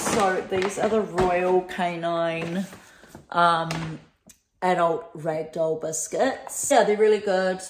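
A woman with a slightly low voice chats casually at home. She rambles with lots of "like" and slips into cooing baby-talk for her cats. The sound is close and handheld, as from a camera or phone. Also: background noise. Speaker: vlogger. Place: home, indoors.

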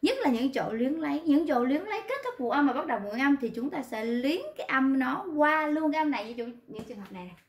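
High-voiced teacher. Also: female voice, animated. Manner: patient, repeats words slowly to model them. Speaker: Korean language teacher. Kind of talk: explaining pronunciation in an online class. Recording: roomy echo.

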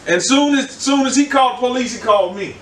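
A man's voice: extremely high pitch, fairly quick, a bit bright, distant mic, slight background noise. An older man preaching a sermon as pastor, in a rambling, conversational way with many repeated words. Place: church. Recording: echoey room, from the mic.

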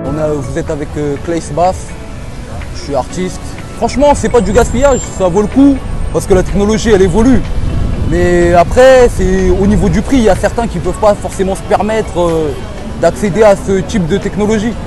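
A man's voice: high-pitched, animated, normal speed, music in the background. A man, an artist, answering a street interview outdoors in a frank, assured way. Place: busy city avenue outdoors.

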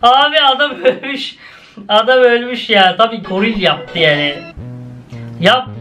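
Young male reactor, very high, sharp voice; excitable, jumpy commentary. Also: unhurried, soft background music. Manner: exclaiming, laughing, swings between high and low. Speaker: YouTuber reacting to cartoons.

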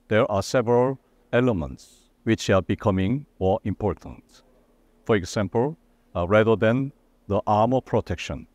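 A man in his sixties speaks English with a Korean accent, in a low, steady voice. He answers formally and with care, pausing often and filling gaps with "uh". The sound is dry and close, from a clip-on mic. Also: dry recording. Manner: measured, formal, with frequent pauses and "uh" fillers. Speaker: defense company executive. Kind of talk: interview answers.

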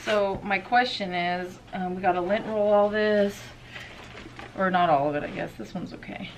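A woman co-hosting a thrift video, chatting casually in a practical, gently teasing way. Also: mid-range voice, normal speed, slight background noise. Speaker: co-host of a thrift channel. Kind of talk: casual chat.

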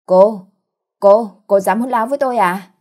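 A woman's voice: mid-range voice, brisk, warm tone, natural voice. A woman voicing a scornful middle-aged mother-in-law who scolds shrilly, in a spoken story. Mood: scolding.

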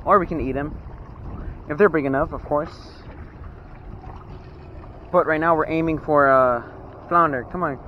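Fishing from a rocky jetty beside open water, this young man from Texas chats cheerfully with viewers through a body-worn action cam, calling them "guys" and getting excited at every catch. His fairly high voice has a measured pace and long pauses, and the audio sounds dull, with wind and water audible.

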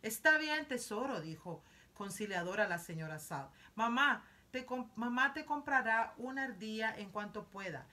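A woman's voice: on the high side, expressive, normal speed, bright, forceful tone. A woman reading aloud as an indulgent wealthy mother who soothes and coaxes her spoiled daughter. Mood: coaxing. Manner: soothing, coaxing.

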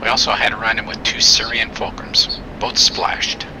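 Man playing a gravelly, clipped fighter flight lead. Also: lowish voice, completely flat delivery, moderate pace, natural voice. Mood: calm, procedural. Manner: clipped, procedural. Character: businesslike male fighter pilot flight lead. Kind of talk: military radio chatter in a flight game. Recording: loud aircraft cockpit noise.

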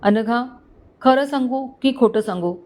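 A woman's voice: a little high, a little slow, natural voice. A woman voicing a loving mother-in-law. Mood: affectionate. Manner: affectionate, warm-hearted. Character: loving older mother-in-law, gentle and sorrowful. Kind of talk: storybook dialogue.

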